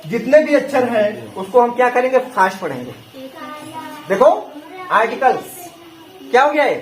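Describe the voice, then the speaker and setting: An English teacher with a very high, sing-song voice talks fast as he quizzes his class, asking the same question over and over in call-and-response. The room is echoey with faint noise.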